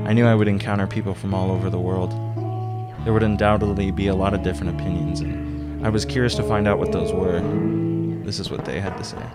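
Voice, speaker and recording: A young male student reading a reflective, scripted documentary narration. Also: on the low side. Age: young adult. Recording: voice-over over loud guitar music.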